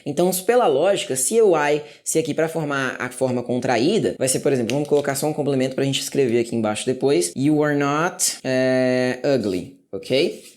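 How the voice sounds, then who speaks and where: A man from Brazil teaching an English grammar lesson in a casual classroom style. He talks to the viewers, says key words slowly and often checks in with "ok?". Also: mid-range voice, animated, darkish tone. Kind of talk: casual classroom explanation at a whiteboard.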